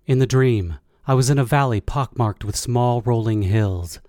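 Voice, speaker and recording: A man reading a first-person audiobook in a measured, steady way. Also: medium pitch, dry recording, studio quality. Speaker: audiobook narrator.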